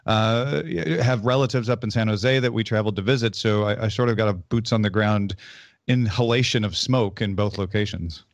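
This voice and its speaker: A man's voice: fairly low pitch, a little fast, dry recording, muffled recording. A man from Illinois co-hosting a casual podcast, easygoing and wry. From Illinois, USA. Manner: easygoing, wry, chuckles often. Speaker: co-host.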